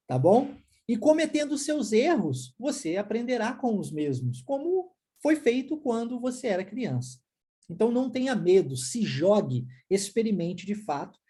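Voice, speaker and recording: Brazilian male language teacher, upbeat and encouraging, warm and slightly raspy voice. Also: sits high. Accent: Brazilian Portuguese. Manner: lively, encouraging, explains slowly with many check-ins. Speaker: English teacher. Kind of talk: recorded language lesson.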